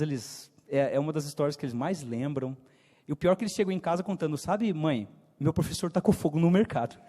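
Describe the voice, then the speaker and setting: A Brazilian man in his thirties preaching to young people as a story, with a countryside São Paulo accent, his voice swinging loud and soft. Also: medium pitch. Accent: Brazilian Portuguese, São Paulo countryside. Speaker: youth preacher. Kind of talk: sermon told as a personal story. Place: church hall. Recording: church hall reverb.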